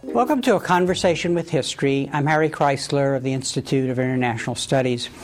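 A man hosting an interview show, asking measured, polite questions and prompting his guest. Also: medium pitch, faint music behind. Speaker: interview host.

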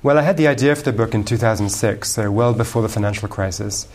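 Fielding interview questions, an English guest author talks fast in a fairly low voice with a darkish tone. He is fluent, yet he says um often and repeats words, and his English accent has some American coloring.

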